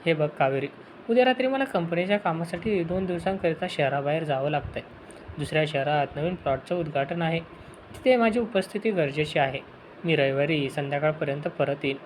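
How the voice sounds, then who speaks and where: A man's voice: a little high, brisk, slight background noise, close to an everyday voice. A man voicing a drunk, abusive middle-aged uncle who talks harshly and scornfully in an audio story. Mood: curt.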